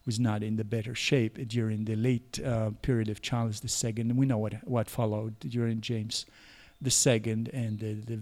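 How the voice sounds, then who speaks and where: Guy, scholar in an interview, mellow voice, kinda halting and careful. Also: fairly low pitch, flat delivery. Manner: halting, deliberate, searching for words. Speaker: interview guest, historian.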